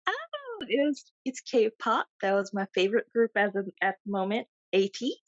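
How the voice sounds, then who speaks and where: A podcast co-host chats casually and laughs often while telling stories. Her medium-pitched voice is sing-song at normal speed, in a dry recording with dull, lo-fi sound.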